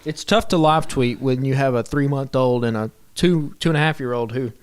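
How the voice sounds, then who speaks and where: A laid-back man, talking casually on a podcast. His pitch sits in the middle, and the sound is dry and close to the mic. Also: normal speed, clean tone, no echo. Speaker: podcast co-host. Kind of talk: casual chat.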